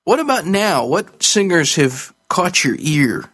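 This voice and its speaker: A man's voice: on the high side, sing-song, measured pace, fairly bright tone, breathy edge. A man hosting an interview in a formal radio style, introducing his guest and putting questions. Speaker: interview host.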